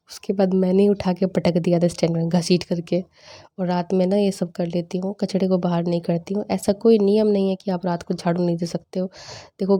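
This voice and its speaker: A young woman in casual voice-over narration for a home vlog, chatty and animated as she retells family banter. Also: on the low side. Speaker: vlogger.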